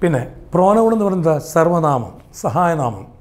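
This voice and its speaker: A man's voice: a little high, sing-song, moderate pace, darkish tone. A man with a Malayali accent teaching English grammar, asking the class questions and then answering them himself. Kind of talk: explaining grammar in a lesson.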